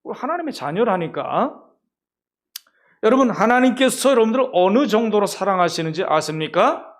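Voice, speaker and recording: A man's voice: high voice, animated, normal speed. A male pastor preaching a sermon, emphatic and putting rhetorical questions to his congregation.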